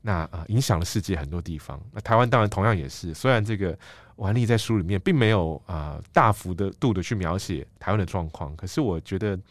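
A middle-aged man with a Taiwanese Mandarin accent, speaking as an interview guest. He explains things in a measured, thoughtful way and often fills pauses with "ah". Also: deep voice, lively intonation, no room sound. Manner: measured, thoughtful, frequent "ah" fillers. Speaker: guest, book editor-in-chief.

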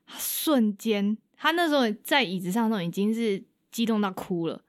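A woman's voice: mid-range voice, animated, moderate pace, no room sound, clean studio sound. A young woman, a guest on an interview show, animatedly retelling an experience and acting out the dialogue. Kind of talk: casual storytelling in an interview.

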